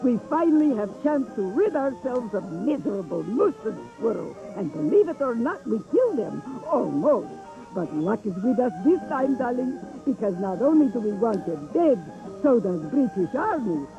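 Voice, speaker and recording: A purring spy villainess with a Russian-style accent. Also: female voice, a little high, very animated, normal speed. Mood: gloating. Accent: put-on Russian-style accent. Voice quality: purring, drops small words. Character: scheming female spy villain, sultry. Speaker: host of a cartoon broadcast segment. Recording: dull recording with music.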